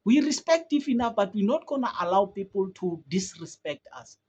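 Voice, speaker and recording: A commentator from South Africa with a South African accent, giving an earnest, halting opinion on a vlog with many fillers and restarts. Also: mid-range voice, sing-song, darkish tone, breathy edge.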